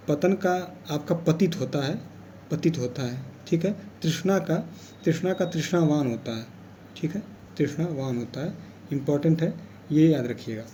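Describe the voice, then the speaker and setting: A man's voice: a little high, mellow, a little hiss or hum. A man teaching an exam revision lesson, explaining patiently and repeating key words as he goes.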